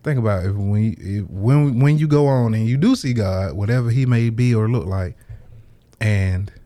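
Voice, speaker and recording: A man's voice: on the low side, normal speed, mellow. A man hosts a casual podcast chat. He rambles loosely, restarts his sentences and laughs often. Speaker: podcast host. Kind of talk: casual conversation.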